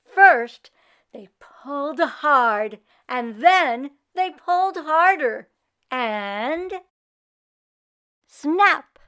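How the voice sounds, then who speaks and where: A woman reading a picture book aloud to children, expressive and slow. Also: sits high. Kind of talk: read-aloud storytelling.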